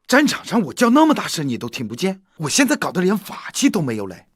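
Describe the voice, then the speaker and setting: An actor playing a flustered, defeated Taoist priest, complaining and defensive. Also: male voice, on the high side, wildly swooping pitch, quick pace, husky, no room sound, studio quality, heavily acted.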